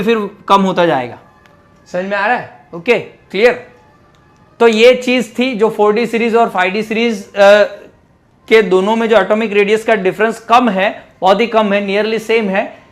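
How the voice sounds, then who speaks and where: In this classroom lecture, a chemistry teacher with a markedly high-pitched, fairly bright voice explains things one step at a time. He blends technical material into his talk and frequently pauses to ask if the class understands.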